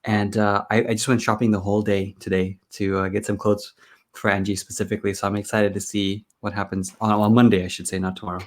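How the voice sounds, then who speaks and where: A man's voice: lowish voice, flat delivery, quick pace. A man hosting a casual live-stream chat, teasing his co-host and reading out viewer questions. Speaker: host, photographer.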